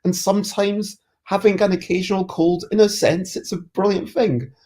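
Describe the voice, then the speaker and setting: This chat-show streamer sounds congested from a cold, with a mellow, medium-pitched voice at a moderate pace and fairly even intonation. They drift through relaxed, rambling talk, reading viewer comments and interrupting themselves in an easygoing, musing way.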